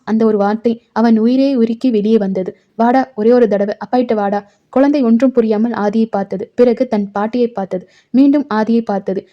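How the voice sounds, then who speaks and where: A woman narrating an audio novel in an emotional, measured storytelling manner. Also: fairly high pitch. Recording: dull lo-fi recording.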